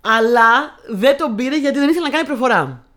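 A woman's voice: high-pitched, lively intonation, fairly bright tone. A young woman co-hosting a casual film chat, talking in a chatty, hesitant way with many fillers. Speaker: co-host.

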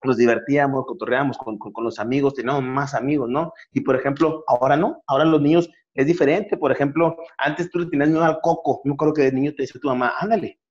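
A man's voice: mid-range voice, fairly even intonation, fast talker, hardly any pauses, dull audio. A middle-aged man with a Mexican accent, telling funny stories in casual chat as show host, with many restarts. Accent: Mexican Spanish. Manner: joking storyteller, many restarts.

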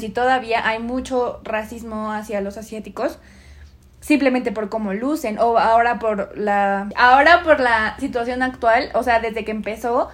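A woman from Mexico with a Mexican accent in a casual chat, rambling with many fillers. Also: fairly high pitch. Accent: Mexican Spanish.

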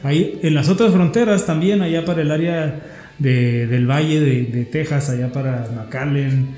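A man's voice: on the high side, moderate pace, dark tone. A man with a northern Mexican border Spanish accent chatting casually, telling things in an enthusiastic, digressive way and often repeating phrases. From US-Mexico border region of El Paso and Ciudad Juárez. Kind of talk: casual conversational talk on local history. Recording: roomy echo, faint music.

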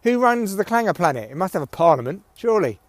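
A man with a slightly high voice delivers a loose, opinionated solo podcast rant with some swearing. He talks into headphones used as his mic, so the sound is close and dry. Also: big pitch swings, fast talker, no echo. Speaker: podcast host, comedian. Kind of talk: rambling solo podcast monologue. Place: outdoors in windy weather. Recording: recorded through headphone mic, rustly clicks.

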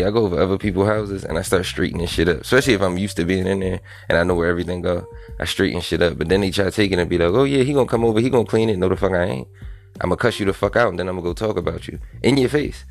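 A man's voice: sits low, creaky. A man ranting bluntly and profanely in a casual monologue.

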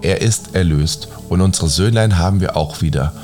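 A man's voice: sits low, normal speed, darkish tone, faint music behind, natural voice. A man voicing a young fairy-tale king, mournful and sighing, while reading a bedtime story. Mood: regal.

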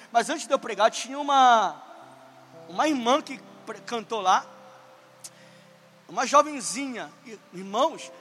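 High, bright-voiced preacher. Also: male voice, a little hiss or hum. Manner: impassioned preaching, rising to shouts. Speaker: pastor. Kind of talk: sermon.

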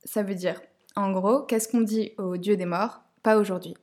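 A woman guest on a podcast talks at a mid pitch. She sounds upbeat and a little hesitant, and laughter breaks into her answers often. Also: fairly even intonation, normal speed, darkish tone. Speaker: podcast guest, art director. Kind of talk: casual podcast interview.

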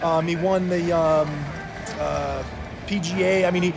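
A man co-hosting a casual sports talk show, speaking haltingly and often repeating words. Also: fairly high pitch, fairly even intonation, creaky, music in the background.

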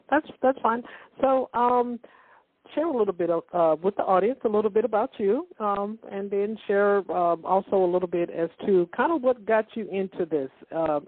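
Husky-voiced woman hosting over a tinny line. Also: medium pitch, dry recording. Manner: repetitive, filler-heavy interviewing. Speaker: podcast host. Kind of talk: podcast hosting. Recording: dry tinny phone-quality audio.

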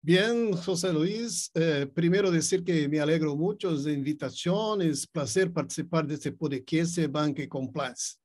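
A man's voice: on the high side, unhurried, hardly any pauses, darkish tone. A middle-aged man with a Brazilian accent, a native Portuguese speaker, talking as a guest in a conversational interview. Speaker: podcast guest, economics academic.

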